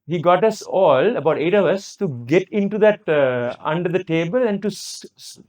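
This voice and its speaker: A man's voice: sits high, animated, normal speed. Hesitant man reminiscing about school. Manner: hesitant, many fillers and restarts. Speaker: alumnus guest. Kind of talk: casual reminiscing chat.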